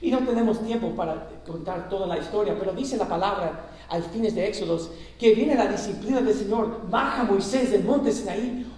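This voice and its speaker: A man's voice: high-pitched, moderate pace, hardly any pauses, darkish tone. A man preaching a sermon, building intensity as he retells scripture, with stumbles and restarts. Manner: preaching with rising intensity, frequent self-corrections. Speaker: pastor. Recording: echoey hall, distant mic.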